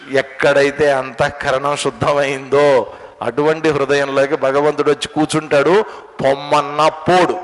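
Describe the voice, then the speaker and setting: A spiritual teacher giving a religious discourse, telling stories and asking rhetorical questions. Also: male voice, medium pitch. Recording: long hall reverb.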